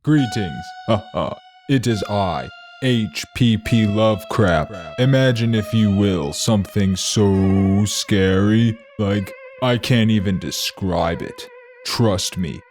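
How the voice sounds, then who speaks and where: A man's voice: fairly low pitch, slow pace, a little mellow, faint music behind. A man playing a pompous comic horror narrator who talks in a melodramatic, mock-spooky way. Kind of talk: comedy sketch narration.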